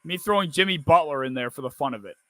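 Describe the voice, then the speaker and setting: A man hosting a live football watch-party stream, calling plays and reacting in an excitable, profane way. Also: on the high side, fast talker, dry recording.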